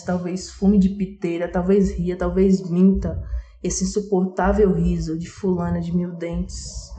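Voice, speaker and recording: A woman giving a dramatic poetry recitation, lingering on single words with shifting loudness. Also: fairly low pitch. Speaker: poetry reader. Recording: roomy echo.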